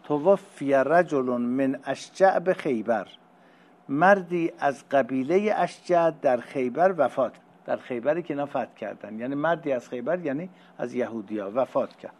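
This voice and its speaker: A middle-aged male religious teacher who reads Arabic phrases slowly and then explains them in casual conversational speech. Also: medium pitch, a little mellow, slight background noise. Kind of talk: lecture explaining Arabic hadith text.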